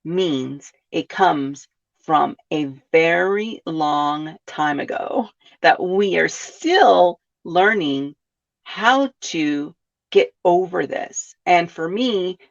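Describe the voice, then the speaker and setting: A California woman hosts a reflective self-help podcast, often posing questions to her listeners and tacking on "right?". Her deep voice is slow and creaky, and the sound is dull and lo-fi.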